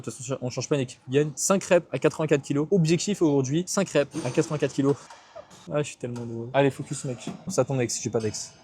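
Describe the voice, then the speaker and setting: A man's voice: medium pitch, dark tone, a little hiss or hum. A young man in his twenties, a fitness coach vlogging casually from the gym, joking and teasing himself while talking straight to the viewer. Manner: joking, self-mocking, talks straight to viewer. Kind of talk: casual gym vlog talk.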